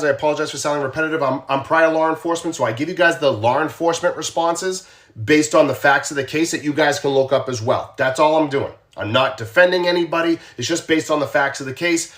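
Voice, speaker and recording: A man's voice: on the high side, a bit bright. A man with a Boston accent, a former police officer, talking casually to viewers on a livestream and often asking them questions. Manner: conversational, asks viewers questions, repeats himself. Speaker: true crime live streamer, former law enforcement.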